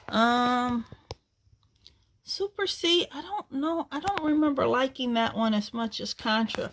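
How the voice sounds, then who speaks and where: Over slight background noise, a middle-aged woman with a medium-pitched voice rambles fondly about her game collection during a casual chat. Ums and uhs crop up constantly.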